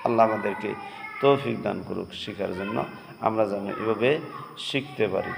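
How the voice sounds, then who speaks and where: A man teaching Quran recitation in a religious lesson, breaking the verses into slow, drawn-out chanted phrases. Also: fairly low pitch, steady tone, creaky, in a large hall, background noise.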